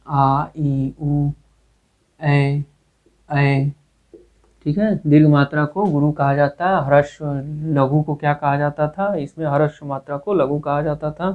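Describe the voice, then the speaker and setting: A man's voice: fairly high pitch, normal speed, hardly any pauses. A male teacher giving a grammar lesson, asking questions and answering them himself with many repetitions. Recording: tinny phone-like recording.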